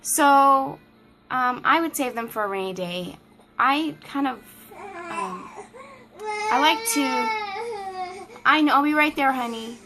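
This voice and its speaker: A woman's voice: high-pitched, animated, takes it slowly, pauses often, background noise. A mom vlogger chatting casually to the camera at home, laughing often and breaking off to talk to her toddler. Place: family home, indoors.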